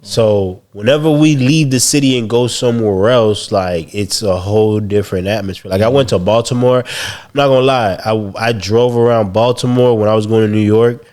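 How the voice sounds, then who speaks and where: A man co-hosting a podcast in casual chat, with laid-back slangy banter and shout-outs. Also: on the low side, moderate pace. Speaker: podcast co-host.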